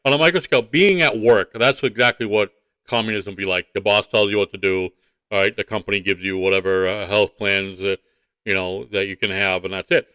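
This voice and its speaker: A man's voice: fairly low pitch, steady tone, brisk, bright, forceful tone, clear, resonant tone, no room sound. A man co-hosting a casual morning show, talking in blunt, rambling, repetitive banter. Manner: blunt, rambling, repeats himself.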